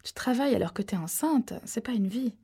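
Ditzy chatterbox agent read by a woman, higher and bubbly, breathy. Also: expressive, brisk, warm tone. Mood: flirty. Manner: babbling, flirtatious.

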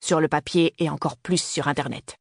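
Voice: mid-range voice, moderate pace, gravelly, husky, dry recording, clean studio sound. A reader voicing a stern, graying middle-aged father in an audiobook, speaking in a clipped, commanding way. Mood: grim. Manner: clipped, peremptory delivery. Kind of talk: audiobook character reading.

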